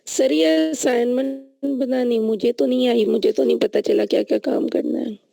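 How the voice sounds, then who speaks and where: A woman's voice: on the high side, steady tone, moderate pace, vocal fry, warm tone, no room sound. A woman who is a student in an online class, putting direct questions to her teacher.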